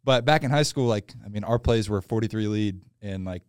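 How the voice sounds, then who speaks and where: A man's voice: on the low side, brisk, clean tone, no room sound, clean studio sound. A young man, a football player guest, telling easygoing anecdotes with hesitant starts in a casual podcast chat.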